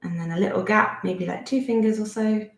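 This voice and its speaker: A thirtysomething art teacher with a Bristolian accent talks fairly quickly, her medium-pitched voice showing vocal fry in an echoey room. Working at her home studio desk, she chats through a friendly drawing lesson step by step, thinking aloud and laughing at herself.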